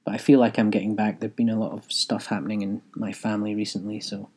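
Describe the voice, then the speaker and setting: A man hosts his own solo podcast, reading aloud from a review he wrote and thinking out loud in a rambling way with restarts. His voice is on the low side, husky and a little mellow, with a flat delivery and a quick pace.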